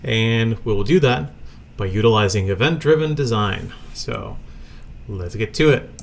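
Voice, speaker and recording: Man with a gravelly voice giving a talk. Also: lowish voice, unhurried, slight background noise. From Latvia. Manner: casual, conversational, many fillers. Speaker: conference speaker. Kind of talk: recorded conference talk. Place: home office, indoors.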